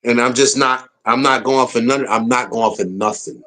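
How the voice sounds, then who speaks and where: An American political commentator with a mid-range voice and a sharp tone speaks at a normal speed in a casual opinion rant. He keeps it blunt and slangy, restating points to drive them home.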